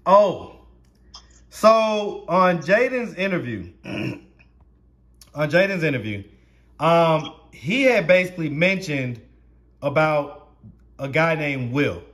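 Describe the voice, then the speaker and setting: Easygoing high-voiced man interviewing. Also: lively intonation, takes it slowly, long pauses, a bit bright. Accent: Southern US. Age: 30s. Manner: easygoing, laughs often, chatty questions. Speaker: street interviewer. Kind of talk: casual interview.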